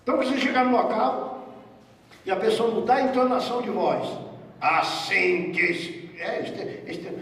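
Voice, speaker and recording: A man's voice: sits high, moderate pace, fairly bright tone, a little hiss or hum. A male pastor with a Brazilian Portuguese accent, preaching a conversational sermon and joking with his congregation. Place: church hall. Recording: echoey church hall from far off.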